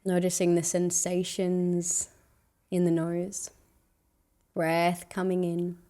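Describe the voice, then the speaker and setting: A woman leads a meditation in a mellow, relaxed voice, her slightly low pitch holding very even. She speaks gently and soothingly, with long pauses between phrases.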